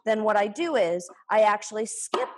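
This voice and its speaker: A cooking instructor in her forties chops and explains each step with enthusiasm during a live demo at home. Her medium-pitched voice swings widely at normal speed, and the camera a few feet off also catches background noise.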